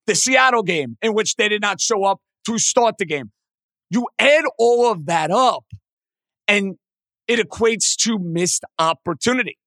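A man with a hoarse, raspy, strained voice that is nearly gone, hosting a sports podcast with blunt, emphatic opinions and rhetorical questions. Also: high-pitched, expressive, a little slow, sharp tone, dry recording, clean studio sound.

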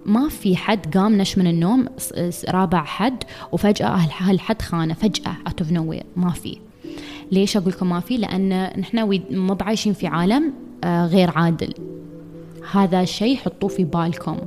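A woman's voice: on the low side, fairly quick, a little mellow, soft background music. A woman with a Gulf Arabic accent hosting a self-help monologue, speaking directly and mixing English phrases into her speech. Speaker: podcast host.

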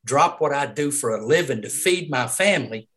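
A man's voice: mid-range voice, expressive, normal speed, a bit bright. Emphatic Southern man, laughing often. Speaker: retired umpire, podcast guest. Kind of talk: casual interview chat.

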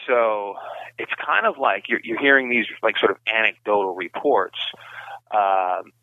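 A man's voice: lowish voice, a little slow, no echo. Man talking over a tinny prison payphone. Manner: rambling, full of "you know" and "like". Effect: payphone call from prison. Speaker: incarcerated writer calling in. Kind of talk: casual spoken update by phone. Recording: tinny dry phone line.

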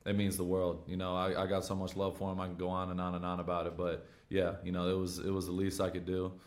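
A man's voice: deep voice, completely flat delivery, fast. A man from Michigan with an American accent, chatting casually on a podcast in slangy, profane frat-bro talk. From Michigan, USA. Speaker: pro football player on his own podcast.

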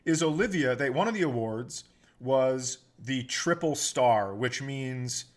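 Speaking slowly and expressively in a mid-range voice, a middle-aged American man swears freely through an exasperated rant. He is casually telling stories on a comedy podcast.

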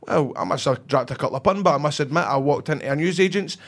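A Scottish man with a broad accent and a slightly high voice hosts a chatty podcast. He rants through comic stories in loose, sweary, colloquial speech, acting out the dialogue as he goes. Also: fast talker. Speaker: podcast host. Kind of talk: ranting comic anecdote, casual chat.

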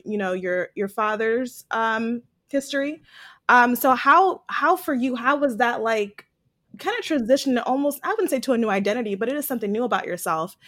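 A woman's voice: on the high side, fairly bright tone, no room sound. A woman of about thirty hosting a podcast interview, upbeat and friendly. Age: 30s. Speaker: podcast host.

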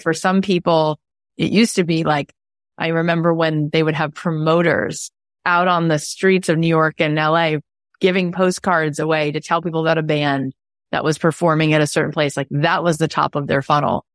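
A woman's voice: low-pitched, flat delivery, moderate pace, no room sound, studio quality. A woman hosting a conversational podcast interview, speaking in an affirming, explanatory way. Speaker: podcast host.

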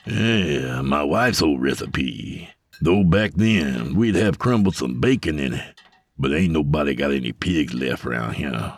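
A man voicing a weary, gruff but kind old grandfather who speaks in a slow drawl in an audiobook. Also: very deep voice, expressive, dry recording, full character voice. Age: older.

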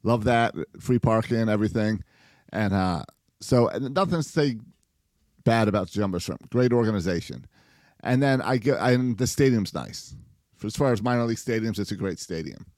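A man co-hosting a sports podcast, chatting casually and telling stories in an animated way with quoted asides. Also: on the low side, moderate pace, no echo, clean studio sound. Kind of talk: casual baseball chat.

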